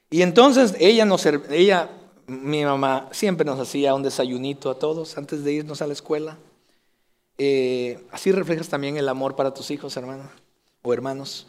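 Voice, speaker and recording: A man preaching a sermon as pastor, earnestly addressing his congregation directly. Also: a little high.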